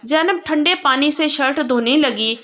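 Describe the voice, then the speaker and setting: A woman narrating a story calmly and evenly, as the host of a storytelling channel. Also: high voice.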